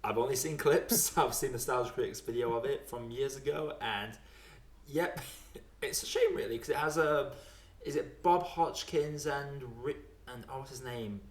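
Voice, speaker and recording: A young man runs a film podcast, chatting loosely and informally, chuckling often and swearing casually. His pitch is average for a man. The audio is noticeably echoey, as if recorded in an untreated room.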